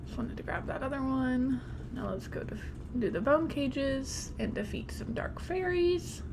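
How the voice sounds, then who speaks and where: Female gameplay host, casual commentary, slightly high with plenty of fry, music underneath. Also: expressive, measured pace, background noise. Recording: game music behind.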